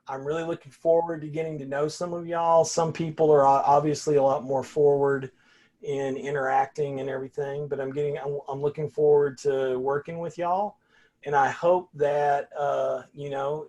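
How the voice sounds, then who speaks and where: A man's voice: medium pitch, a little mellow. An older man, a college philosophy instructor talking casually to his class over a video call, folksy and rambling, often restarting his sentences.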